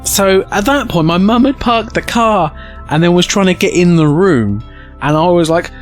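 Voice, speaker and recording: Streaming to a live chat, a British man with a high voice tells casual, animated comedic stories at normal speed while faint music plays. His humour is crude and self-mocking, and he acts out the dialogue with excited outbursts.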